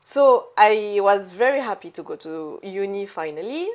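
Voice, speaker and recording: A woman's voice: mid-range voice, expressive, normal speed. A young woman, telling her story as an interview guest in a chatty way with many fillers. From born in Algeria, raised in France. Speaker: guest, entrepreneur. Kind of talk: casual conversational storytelling.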